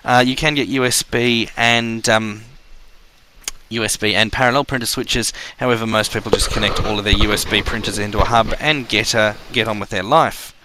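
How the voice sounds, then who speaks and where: A man's voice: fairly low pitch, steady tone, moderate pace, pushed and bright, a little hiss or hum. A man teaching a computer course, explaining hardware casually with many ums and restarts. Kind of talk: spoken class lecture.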